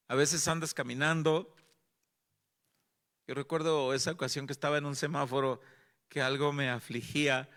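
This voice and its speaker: A man's voice: a little high, pushed and bright. A male pastor with a Mexican accent, preaching a sermon with earnest storytelling and repeated phrases. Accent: Mexican Spanish.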